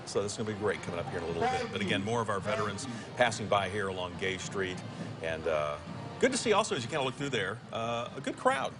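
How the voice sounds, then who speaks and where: A man's voice: fairly low pitch, very animated, quick pace, background noise. A man co-hosting live parade coverage as a conversational commentator. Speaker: parade broadcast co-host.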